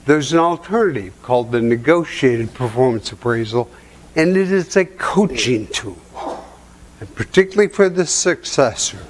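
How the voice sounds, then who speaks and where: An older man giving a seminar talk in a hotel conference room, with a folksy storytelling manner, chuckling at his own stories. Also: a little high. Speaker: seminar presenter.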